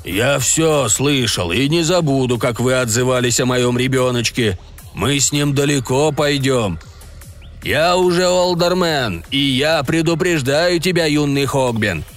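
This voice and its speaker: A man voicing a pompous, vengeful middle-aged alderman who speaks slowly and menacingly in an audiobook. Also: medium pitch, faint music behind, close to an everyday voice. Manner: slow, menacing, self-important. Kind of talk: audiobook character voice.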